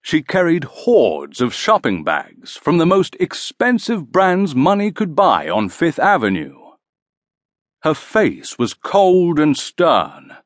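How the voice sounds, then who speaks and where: A man narrating a children's audiobook in an expressive storytelling manner. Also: a little high, no room sound, studio quality. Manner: slow, expressive.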